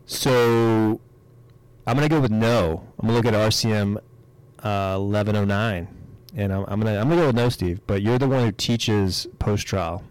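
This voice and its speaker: A man with a slightly low voice co-hosts a legal podcast. His talk is casual and easygoing, in the style of a chat between colleagues. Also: steady tone, moderate pace, a little mellow, smooth, no echo. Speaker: podcast co-host, military lawyer.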